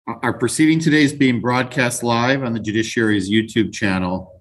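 A man's voice: medium pitch, moderate pace. A man presiding as chief justice, giving formal procedural remarks on a video call. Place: remote hearing on video call.

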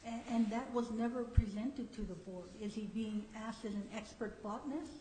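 Higher-pitched woman lawyer, echoey courtroom. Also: moderate pace, dark tone. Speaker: attorney. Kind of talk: oral argument answering judges' questions. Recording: echoey room, faint noise.

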